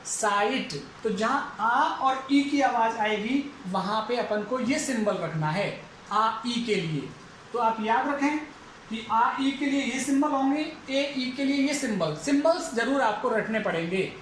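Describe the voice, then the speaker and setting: Male lecturer, high voice, very slow delivery, repeats each word, echoey classroom, faint noise. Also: fairly bright tone. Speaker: English lecturer. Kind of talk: phonetics lesson for exam students.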